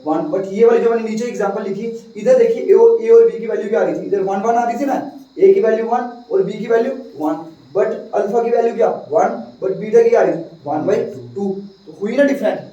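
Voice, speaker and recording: High-pitched Indian man dictating in echoey room. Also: dark tone. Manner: dictating slowly, word by word, repeating phrases for note-taking; questioning students repeatedly. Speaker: chemistry teacher. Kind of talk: classroom lecture, dictating notes to students. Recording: echoey room, distant muffled microphone.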